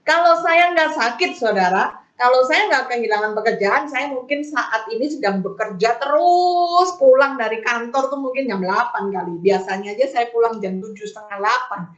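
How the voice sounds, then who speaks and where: A middle-aged woman giving a testimony sermon at a prayer meeting, lively and acting out her own prayers in a raised voice. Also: fairly high pitch, moderate pace. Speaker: guest speaker at a prayer meeting. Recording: dull, roomy sound.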